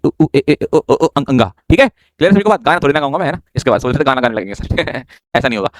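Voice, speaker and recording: A man's voice: fairly high pitch, no echo. A man teaching an online exam-prep grammar class in a chatty way, joking with and scolding his students, speaking English.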